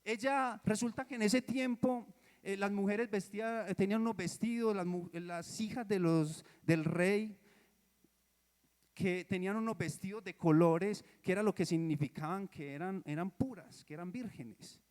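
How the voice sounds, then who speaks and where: High-voiced Colombian preacher in a reverberant church. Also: male voice, moderate pace. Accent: Colombian Spanish. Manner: lively storytelling, drops to soft asides. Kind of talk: sermon retelling a Bible story. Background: long hall echo.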